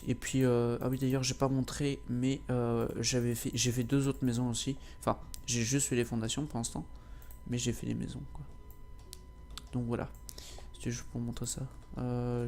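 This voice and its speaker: A gameplay video creator with a cold talks casually and ramblingly over his gameplay, often hesitating with filler sounds. His voice is mid-range with a darkish tone.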